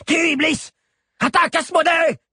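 A man's voice: very high voice, steady tone, moderate pace, sharp tone, dry recording, studio quality, pitched above the performer's own voice, heavily acted. A man voicing a villainous master of wild beasts who screams frantic orders at his animals. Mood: commanding.

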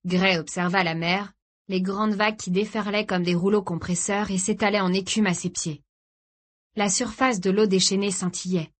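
A woman reading a dramatic novel aloud in a steady, grave storytelling voice. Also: medium pitch, normal speed. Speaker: audiobook narrator. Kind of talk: scripted dramatic narration.

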